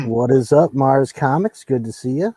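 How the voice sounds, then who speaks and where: A man's voice: mid-range voice, a little slow, dark tone, slightly rough, no echo, poor audio. A man hosting a live comics talk show in casual chat, easygoing and tending to repeat his words as he talks. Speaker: host.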